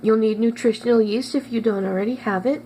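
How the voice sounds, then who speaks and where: A woman's voice: on the high side, fairly quick, dark tone, a little hiss or hum. A woman talking casually in her kitchen as a cooking vlogger, chatty and hesitant, tasting food as she goes. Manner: chatty, hesitant with many fillers, tastes food while talking.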